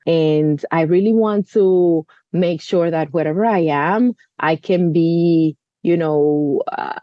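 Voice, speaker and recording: A woman's voice: lowish voice, dry recording, muffled recording. A woman in her thirties from the Dominican Republic, speaking earnestly as an interview guest, often saying "you know.". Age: 30s. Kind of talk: conversational interview.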